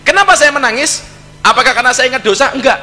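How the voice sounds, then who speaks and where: A man's voice: extremely high pitch, expressive, very fast, bright, forceful tone, big-room sound. A middle-aged man with a Javanese accent giving a humorous religious talk, joking and teasing with Javanese asides. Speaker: preacher.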